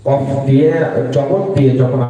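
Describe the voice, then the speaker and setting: A man's voice: medium pitch, moderate pace, mellow, highs cut off. A man teaching Quran recitation in a live class, drilling letter sounds and having his students chant them back. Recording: very echoey room, distant mic, noisy.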